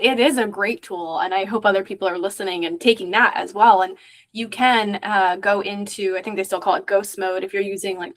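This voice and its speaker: A woman co-host encouraging and advising in a casual conversation. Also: mid-range voice. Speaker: co-host coach. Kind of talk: casual advice.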